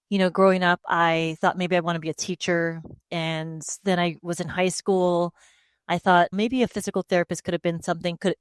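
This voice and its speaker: A woman's voice: on the low side, clear, resonant tone, dry recording. A woman from Hawaii being interviewed about her life, telling her story openly and steadily on a headset microphone. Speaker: guest, speech-language pathologist. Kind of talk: casual interview answers. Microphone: headset mic.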